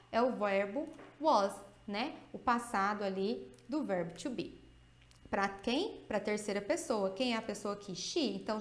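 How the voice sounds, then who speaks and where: Brazilian lady teacher, bit high voice, roomy echo, keeps asking ok?. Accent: Brazilian Portuguese. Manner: explains step by step, often checking with "né?" and "ok?". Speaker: English teacher. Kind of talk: video grammar lesson. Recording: echoey room.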